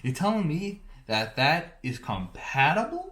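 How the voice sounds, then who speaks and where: A man's voice: on the high side, unhurried. A man giving a joking, mock-serious conspiracy rant as a YouTuber, rambling and often restarting his sentences. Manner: rambling, self-interrupting, half-joking deadpan.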